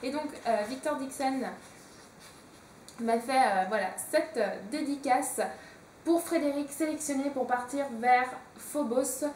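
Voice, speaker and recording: Chatty young woman with a high voice. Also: measured pace, darkish tone, far from the mic, slight background noise. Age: young adult. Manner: chatty, hesitant with many fillers. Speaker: book vlogger. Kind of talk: casual chat. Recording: echoey room, a bit off-mic.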